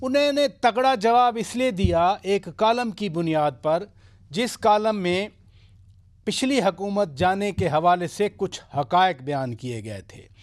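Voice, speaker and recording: A middle-aged man with a Pakistani Urdu accent hosts a formal current-affairs talk show, using a brisk anchor delivery and asking probing questions. His voice is high with lively intonation.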